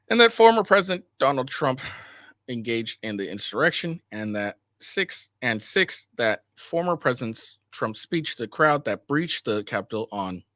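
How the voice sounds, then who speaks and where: A man reading a legal document aloud in a halting way, stumbling over words and correcting himself, with a casual host's delivery. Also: fairly low pitch, a bit bright, no room sound.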